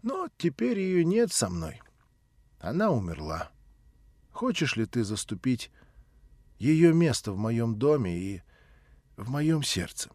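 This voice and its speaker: A man's voice: mid-range voice, very animated, takes it slowly, long pauses, a little mellow, no echo, clean studio sound. A man reading a grieving old man. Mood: pleading.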